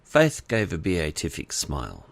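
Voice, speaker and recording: A man narrating an audiobook with expressive storytelling. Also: very deep voice, measured pace, creaky, dry recording.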